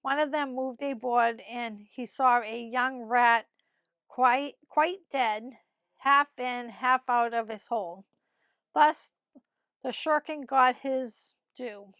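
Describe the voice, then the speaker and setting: A woman in her fifties with a Boston accent, carefully and deliberately reading words and sentences aloud. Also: fairly high pitch, fairly bright tone, clear, resonant tone, dry recording. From Massachusetts, United States. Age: 50s. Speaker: accent study participant.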